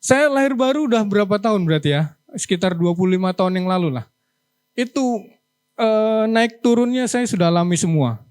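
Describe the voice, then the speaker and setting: A man's voice: high-pitched, animated, a little fast, darkish tone, clear, resonant tone, no echo. A man from Java preaching a heartfelt testimony in church, earnest and emotional, often acting out family conversations. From Java, Indonesia. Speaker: pastor. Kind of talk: sermon testimony.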